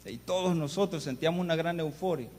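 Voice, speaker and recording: A man's voice: fairly high pitch, fast talker, darkish tone. A man, a guest pastor preaching a sermon and telling stories while often addressing the congregation. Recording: long church reverb, faint background noise.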